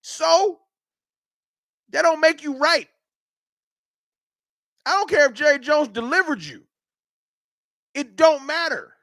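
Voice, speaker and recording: Speaking in a very high voice, this man takes it slowly with long pauses, recorded in clean studio sound with no echo. He hosts a sports fan livestream out of Dallas, Texas, ranting heatedly and animatedly arguing with his chat.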